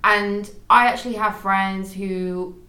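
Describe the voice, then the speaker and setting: A young woman from Manchester hosting a casual podcast chat, talkative and quick to laugh at herself. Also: medium pitch, fairly even intonation, pushed and bright. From Manchester, England. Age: young adult. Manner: chatty, laughs easily, self-mocking. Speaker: podcast host. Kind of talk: casual conversation. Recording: echoey room.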